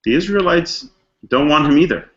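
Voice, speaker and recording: A rabbi leads a text study class with a conversational scripture lesson, telling the story reflectively and asking rhetorical questions. His voice sits on the high side, animated and fairly bright, at a moderate pace. He acts out the characters' thoughts in casual modern slang, though the recording is muffled.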